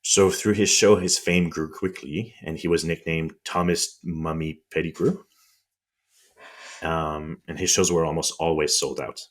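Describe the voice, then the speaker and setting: A man with a French accent explains history on a podcast in a relaxed, conversational way. His voice sits extremely low, and he drops wry, indignant remarks as he goes. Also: a little slow. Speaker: podcast co-host.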